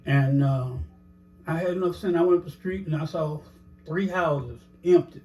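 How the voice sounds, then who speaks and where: A man's voice: a little high, moderate pace, a little mellow, rough recording. An older man telling his life story in a casual interview, rambling with many "you know"s and acting out the dialogue he recalls.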